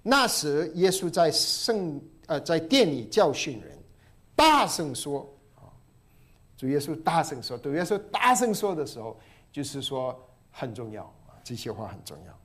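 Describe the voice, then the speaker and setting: A male preacher with a fairly high, very lively voice teaching through a passage. He repeats key phrases and swings from emphatic peaks down to soft, low murmurs. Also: normal speed. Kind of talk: sermon.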